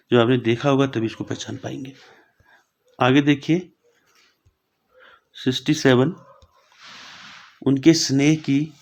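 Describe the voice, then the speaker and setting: A young man teaching a spelling lesson for exam preparation, repeating each word and closing points with a quick "okay". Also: mid-range voice, gravelly, a little mellow. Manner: repeats words slowly, ends points with "thik hai".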